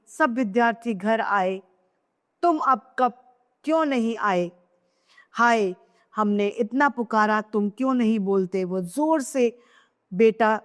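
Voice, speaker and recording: A woman's voice: on the high side, fairly bright tone, long reverb tail. A woman voicing a grieving queen mother who laments over her dead son with repeated cries. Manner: wailing lament, cries of hai.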